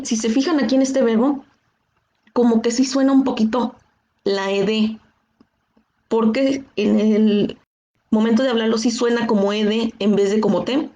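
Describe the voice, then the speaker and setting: A woman's voice: fairly high pitch, a little mellow, echoey room. Mexican woman teaching English grammar. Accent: Mexican Spanish. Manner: patient, checks understanding with frequent "¿sí?". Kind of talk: online class explanation.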